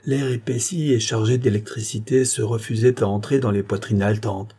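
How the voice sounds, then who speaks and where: A man narrating a classic novel in a measured, literary reading style. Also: on the low side, steady tone, mellow, slightly rough. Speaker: audiobook narrator. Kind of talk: scripted narration.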